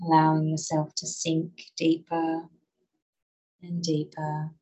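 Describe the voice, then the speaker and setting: A woman guiding a listener through muscle relaxation in a slow, soothing voice. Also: deep voice, monotone, warm tone, slightly rough, highs cut off. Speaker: relaxation guide. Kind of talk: guided relaxation.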